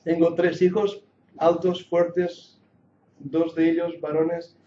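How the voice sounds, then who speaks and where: A man in his forties from Catalonia leads an earnest, jokey Bible class that climbs into emphatic preaching, speaking with a Catalan Spanish accent mixed with English. His voice is slightly high and mellow, slow, with little pitch movement. Captured by a handheld or lapel mic in a muffled, echoey hall, with a little hiss or hum.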